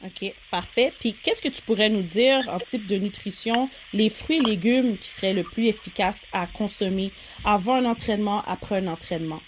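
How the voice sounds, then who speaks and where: A woman's voice: medium pitch, moderate pace, few pauses, slight background noise. A woman, hosting an interview and asking long, hesitant questions. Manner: hesitant questions with many "euh" fillers. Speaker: host. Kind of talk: casual interview.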